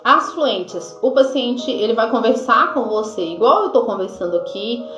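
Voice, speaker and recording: A woman nurse with a Brazilian accent gives an informal health lesson, with many fillers and pauses to check her notes. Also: a little high, animated. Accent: Brazilian Portuguese. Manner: informal teaching, frequent fillers like "né" and "tá"; reads from notes at times. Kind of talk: explanatory health lesson to camera. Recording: echoey room, dull lo-fi sound, faint music.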